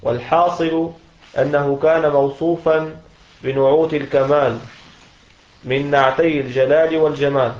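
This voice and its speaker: A man reading a commentary aloud in a lesson, steady and measured, pausing at each phrase. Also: on the high side. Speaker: student reader. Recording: dull echoey lo-fi recording.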